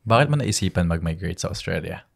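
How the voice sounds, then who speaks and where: Deep-voiced easygoing male interviewer. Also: animated, fast, vocal fry. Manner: easygoing, brief questions. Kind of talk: casual interview questions.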